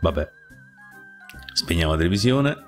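A man's voice: low voice, animated, normal speed, soft background music. A man hosting a let's play, reading the game's lines and adding sarcastic, joking comments.

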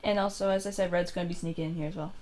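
A woman's voice: fairly low pitch, fairly even intonation, very fast, a little mellow, a little hiss or hum. A woman casually narrating her gameplay, chattily laying out her plans for pranks on her friends. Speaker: gameplay commentator.

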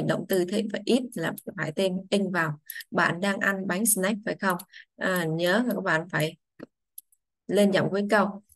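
An English teacher explains grammar to children in a fairly low voice, recorded with no echo. She patiently repeats English phrases slowly, then translates them.

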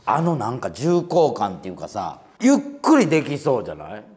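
Animated Kansai comedian telling a story. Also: male voice, medium pitch, a little fast. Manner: animated, laughing anecdote-telling. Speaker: comedian host. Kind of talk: casual storytelling talk.

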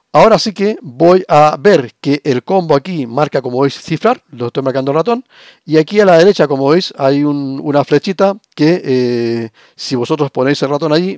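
In a recorded screen-share session, a man lectures at a moderate pace, his voice slightly high and darkish. He explains patiently, often posing rhetorical checks, and the sound is clean and studio-like with no echo.

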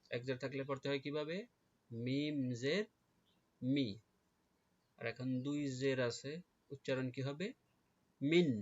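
A man teaching a children's Quran reading lesson, spelling out each letter in slow, drawn-out drills and answering his own questions. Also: medium pitch, muffled recording.

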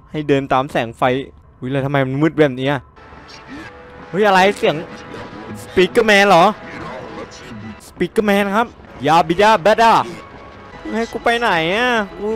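Young man, horror let's play, excitable, lively pitch, cursing a lot. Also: takes it slowly, pauses often, faint music behind. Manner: excitable, swears a lot, yelps when startled. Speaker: gaming streamer.

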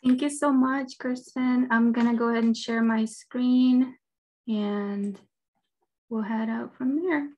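A woman's voice: on the high side, steady tone, takes it slowly, darkish tone. A young woman from Ukraine, giving an earnest, friendly webinar presentation over a video call. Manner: friendly, earnest, with frequent ums.

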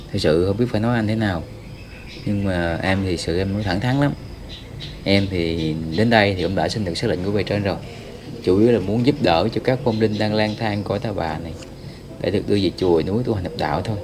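A man hosting a ghost-hunting vlog, earnestly and gently persuading a spirit. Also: sits low, a little fast, noisy background. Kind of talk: talking to a spirit.

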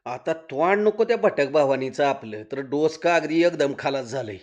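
A man's voice: on the high side, animated, normal speed, dull audio, natural voice. A storyteller reading aloud, voicing a cocky young village man who grumbles in rural dialect. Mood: indignant. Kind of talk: dramatic Marathi story reading.

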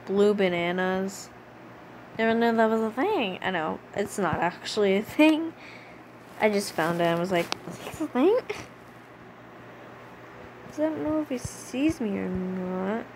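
A woman's voice: mid-range voice, animated, moderate pace, a little mellow, slight background noise, low-quality recording. A young woman casually commenting while playing a game, playful and chatty, sometimes chanting in a sing-song way. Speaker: gaming channel host.

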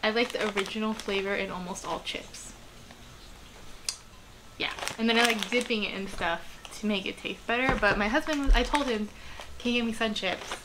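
An art vlogger of about thirty chats casually to camera in a small home kitchen-studio, rambling with many ums and likes in a mid-range voice at normal speed. The camera sits close on the table, and clear rain noise from outside runs behind this home video.

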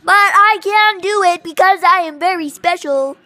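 A woman voicing a quirky, boastful little chin creature who gives slow, self-important instructions in a comic how-to skit. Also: very high-pitched, pushed and bright.

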